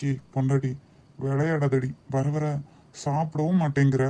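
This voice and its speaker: A man's voice: a little high, steady tone, fairly quick, dark tone, lightly acted, poor audio. A man voicing a young husband in a cartoon drama, loving but short-tempered, given to pushy, scolding questions. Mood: teasing.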